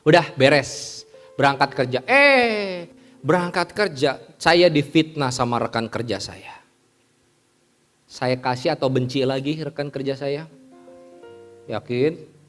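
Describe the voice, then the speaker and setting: A man preaching a sermon in a church, lively, asking the congregation questions and acting out everyday scenes. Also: medium pitch, unhurried, pauses often, faint music behind.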